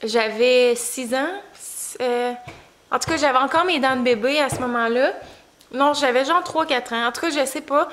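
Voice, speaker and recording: Higher-pitched Quebec woman, swollen-tongue speech. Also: normal speed, fairly bright tone. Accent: Quebec French. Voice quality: slightly impaired articulation from a swollen, bitten tongue. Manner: informal, chatty storytelling. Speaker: vlogger and mother. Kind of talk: casual vlog chat.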